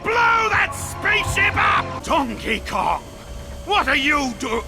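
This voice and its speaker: An actor playing a pompous, scheming, hot-tempered crocodile king in a cartoon, with a gravelly voice and melodramatic delivery. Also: very high-pitched, big pitch swings, slow pace, exaggerated voice. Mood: outraged, bellowing. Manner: pompous, melodramatic, bellowing then silky. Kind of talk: theatrical cartoon villain acting. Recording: cartoon soundtrack with loud music.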